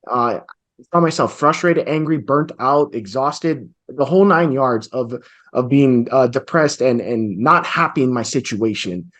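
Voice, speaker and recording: A man's voice: mid-range voice, lively intonation, measured pace, a bit bright. Earnest man telling his story on a call. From Hawaii. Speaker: guest real estate investor. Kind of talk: storytelling interview answer. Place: home office with bookshelves. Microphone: video call.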